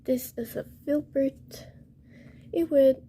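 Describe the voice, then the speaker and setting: A young woman explaining paintbrushes in a painting tutorial, hesitant and halting, often correcting herself. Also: high voice, steady tone, mellow, a little hiss or hum. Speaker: art tutor.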